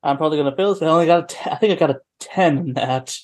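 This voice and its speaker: Male tabletop player, fairly high pitch, casual game chat, in and out of character. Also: racing, a little mellow.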